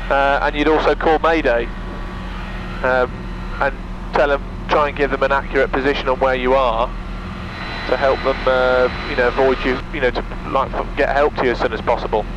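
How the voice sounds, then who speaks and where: A man's voice: medium pitch, flat delivery, brisk. A man who pilots a small aircraft, chatting casually to his passenger as he flies. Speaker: pilot giving a passenger a flight. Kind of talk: casual chat while flying. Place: microlight cockpit in flight. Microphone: aircraft headset. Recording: dull cockpit headset, loud engine noise.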